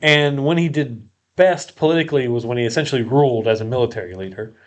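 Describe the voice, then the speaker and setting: A man's voice: medium pitch, fast. Earnest man co-hosting a podcast. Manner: earnest, explaining, with restarts. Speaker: podcast co-host. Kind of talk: casual chat.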